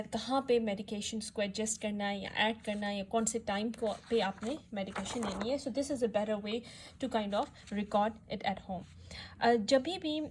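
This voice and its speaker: Woman physician explaining, fairly high voice. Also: a little hiss or hum. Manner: explanatory, mixes English terms, many fillers. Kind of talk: health education talk.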